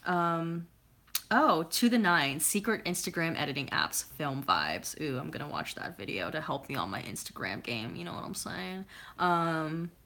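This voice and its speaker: With a low, sing-song voice and a sharp tone, a woman in her twenties reads live chat comments during a casual home livestream. She speaks at a moderate pace, rambling with lots of fillers and silly sound effects.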